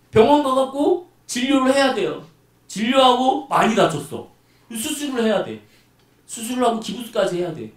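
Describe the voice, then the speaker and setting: A man preaching a sermon as pastor, in a lively, chatty way that acts out little scenes. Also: high voice. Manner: animated, colloquial preaching with acted-out voices. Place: church hall. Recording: echoey hall, mic from far off.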